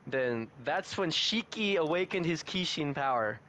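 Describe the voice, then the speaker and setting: A man's voice: on the high side, expressive, unhurried, heavy background noise. A young man hosting a podcast, casually recapping an anime plot and laughing often as he tells it. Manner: giggly, laughs often while retelling scenes. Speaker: podcast host.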